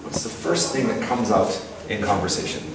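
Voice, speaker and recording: A man giving a lively talk to an audience and playfully acting out small scenes. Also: fairly low pitch, brisk, distant mic, over a noisy crowd. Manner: playful, acts out little scenes in put-on voices. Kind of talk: lively lecture with acted mini-dialogues. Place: lecture room. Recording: very echoey room, speaker away from mic, faint noise.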